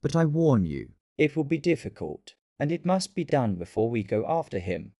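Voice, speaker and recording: A man playing a grave elderly doctor and vampire hunter in a horror audio drama, speaking emphatically and deliberately. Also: medium pitch, very animated, dry recording, clean studio sound. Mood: solemn warning. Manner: emphatic, deliberate, repeating key words. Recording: loud music behind the voice. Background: music.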